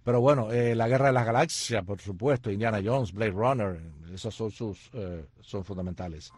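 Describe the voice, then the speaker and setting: A man's voice: fairly low pitch, normal speed, a little mellow, breathy edge, no echo, studio quality. A man hosting a morning radio show with casual, chatty banter. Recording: music under the voice. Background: background music.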